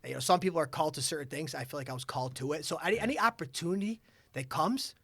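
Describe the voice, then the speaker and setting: A man, a chiropractor, talking as a guest in a casual podcast chat, energetic and full of stories. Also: on the high side, very fast, slightly rough, no echo. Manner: energetic storyteller.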